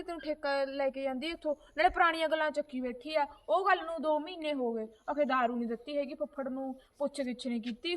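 Casting: woman as a defiant young wife; a high, fast voice, defensive and grumbling. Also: close to an everyday voice. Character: defiant young wife of the household, retorting sharply. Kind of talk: amateur comedy short film acting.

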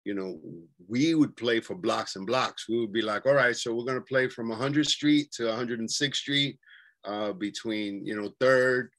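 A New York City man in his forties, appearing as a guest in a casual interview, reminisces about his childhood in a rambling way, full of fillers and restarts. He's on a webcam video call from a bedroom at home. His mid-range voice is fairly bright at normal speed, and the audio is poor.

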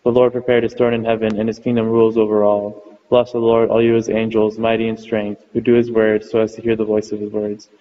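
Holding almost a single pitch, a psalm reader recites slowly and steadily in a liturgical, chant-like monotone. His words trail off into a long church reverb, and the audio is muffled and dull.

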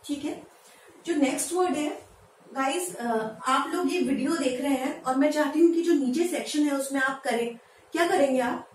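A woman teaching English pronunciation in Hindi, who asks her viewers questions and spells words out slowly, syllable by syllable. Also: high voice. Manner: lively, asks viewers questions and answers them. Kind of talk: Hindi-language pronunciation lesson. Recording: echoey room, voice from a distance, faint background noise.

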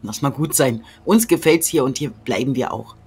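Eine Frau liest einen abweisenden Räuberanführer vor. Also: female voice, a bass voice, normal speed, a little mellow, breathy edge, full character voice. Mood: dismissive. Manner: plainly reading out game dialogue. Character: surly male bandit leader, dismissive. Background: game music.

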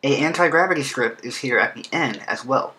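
Guy doing a video explainer voiceover, bright sharp voice, lisp from an underbite, mid pitch. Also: a little fast. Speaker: video creator presenting a fan game track design. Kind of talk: scripted explainer narration.

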